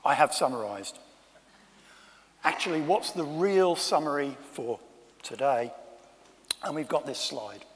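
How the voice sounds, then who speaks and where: Male conference speaker, fairly high voice, dry humour, long hall reverb. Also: animated, unhurried, long pauses, a little hiss or hum. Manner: wry, self-deprecating asides. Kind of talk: conference talk. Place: conference room.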